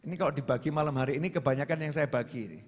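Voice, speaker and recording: A man with a Javanese accent preaching, who swings from loud raised calls to low muttered asides. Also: racing. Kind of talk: sermon. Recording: long hall reverb.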